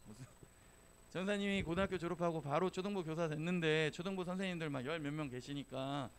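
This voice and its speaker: A man preaching to a church youth group in a chatty, joking storytelling manner. His voice sits a bit high for a man, and he keeps slipping into little acted quotes. It is a relaxed sermon, far from a formal one. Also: fast, clean tone. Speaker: youth pastor. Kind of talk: casual storytelling sermon to teenagers.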